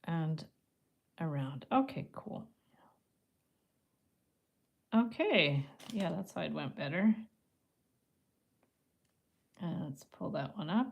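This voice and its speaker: A Canadian woman with a low, creaky, expressive voice narrates a live craft tutorial slowly, pausing often as she thinks aloud. Her chatty manner softens into a murmur or whisper whenever her hands demand concentration.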